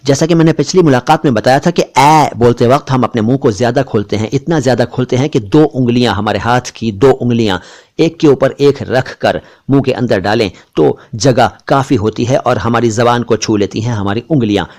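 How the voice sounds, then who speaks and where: A man teaching Hindi and Urdu diction, speaking slowly and deliberately and repeating each sound and word to demonstrate it. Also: mid-range voice, a little mellow. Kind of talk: pronunciation lesson. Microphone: studio voice-over for slide shows.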